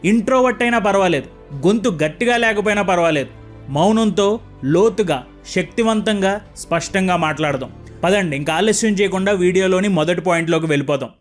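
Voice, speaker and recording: A young man narrating a book summary in an earnest, reflective way, asking calm rhetorical questions. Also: sits high, a little fast, soft background music. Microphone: close microphone.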